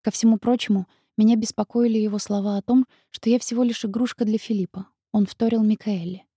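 A woman narrating a first-person audiobook in an expressive, emotional way. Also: mid-range voice, a little fast, husky, no echo, studio quality.

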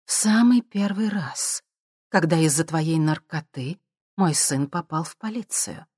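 A woman reading an audiobook, voicing a cold, ruthless mother who speaks calmly and with menace. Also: sits low, breathy edge, no room sound, clean studio sound, heavily acted. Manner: calm, cold, measured.

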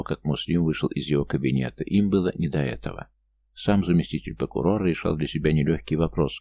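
Male audiobook narrator, deep gravelly voice, dark and even. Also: no room sound. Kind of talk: scripted narration.

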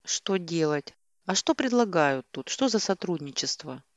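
An irritated, dismissive young man voiced by a woman reader snaps back in exasperation. She keeps it close to her own low voice, recorded dry and close. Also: lively intonation, measured pace, no room sound.

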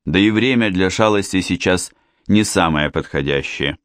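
A weary police inspector with a low voice and a dry, ironic manner. A man reads him close to the mic with little room sound. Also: normal speed, a bit bright, no room sound.

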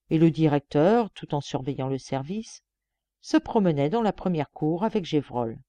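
A woman narrating an audiobook in an expressive storytelling manner. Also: fairly low pitch, no echo. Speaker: audiobook reader.

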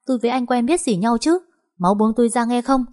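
A woman's voice: a little fast, darkish tone, natural voice. A woman voicing a frightened, indignant young wife. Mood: outraged. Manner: high, protesting.

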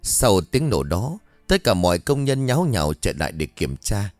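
A man tells a horror story in a low voice with a wide, lively swing of pitch. The reading is dramatic. The recording is dry and close, with faint music underneath. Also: normal speed, no echo. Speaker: narrator.

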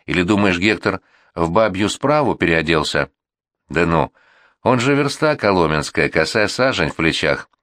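A man's voice: sits low, animated, normal speed, a bit bright, dry recording, clean studio sound. A man doing a whining petty gunman. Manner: whining, offended. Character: whiny petty male anarchist gunman.

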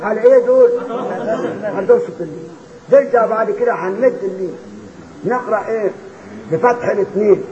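A man with an Egyptian Arabic accent, teaching Quran recitation rules to students, drilling them with questions and chanting verses slowly between quick explanations. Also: high voice, reverberant, crowd noise. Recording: tinny phone-like recording with noise.

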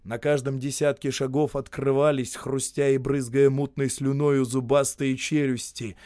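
A man narrating literary prose in a measured, dramatic storytelling way. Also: medium pitch, level tone, warm tone, dry recording, studio quality. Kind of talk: audiobook reading of literary prose.

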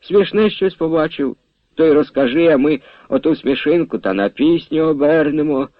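A man's voice: on the high side, expressive, normal speed, no echo, narrow, tinny audio, voice pushed up, natural voice. A man doing a kindly old blind minstrel. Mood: warm. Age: older. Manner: gentle, fatherly.

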